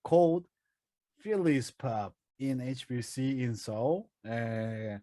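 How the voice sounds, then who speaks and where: A man's voice: medium pitch, expressive, slow, warm tone, no echo. A man with a Korean accent, a native Korean speaker talking in English. He co-hosts a casual podcast and often stops to search for words. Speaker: podcast co-host.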